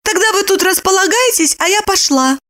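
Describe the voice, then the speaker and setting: A woman's voice: extremely high pitch, expressive, bright, forceful tone, voice pushed up, full character voice. A woman doing a touchy, indignant young woman. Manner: quick to flare up, exclamatory. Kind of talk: audiobook character voice.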